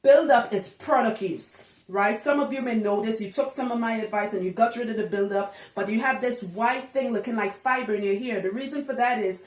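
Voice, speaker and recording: Speaking fairly quickly with few pauses, this Trinidadian woman has a voice on the high side. She works as a locs hairstylist and explains things to camera in a chatty, emphatic way, often asking rhetorical questions. The room echoes around her.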